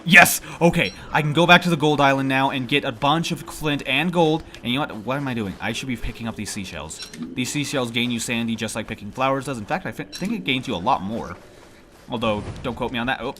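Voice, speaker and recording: A man's voice: mid-range voice, background noise. A man with a nasal voice, congested from allergies, thinking aloud and grumbling in casual gameplay commentary. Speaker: gamer commentating on own play. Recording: music behind the voice. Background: game music.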